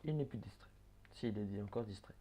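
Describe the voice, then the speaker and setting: A man giving casual gameplay commentary, chatting, swearing and muttering quick orders at the characters on screen. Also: fairly low pitch, warm tone, a little hiss or hum. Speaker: let's play gamer.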